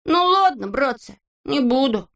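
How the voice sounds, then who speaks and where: A woman voicing a boastful, carefree little male character in a children's storybook, in a high childish voice that stays cheerful and unbothered. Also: lively intonation, measured pace, a bit bright, heavily acted.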